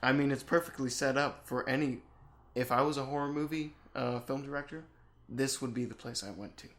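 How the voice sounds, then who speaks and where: Young man, mid-pitched voice, casual chat, rambling, laid-back. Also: steady tone, fairly quick, a bit bright. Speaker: co-host.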